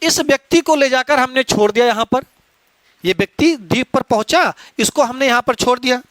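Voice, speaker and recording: A man's voice: very high-pitched, fairly quick, fairly bright tone, no echo. A man teaching an exam-prep lecture, explaining step by step and asking rhetorical questions of his students. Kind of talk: classroom lecture.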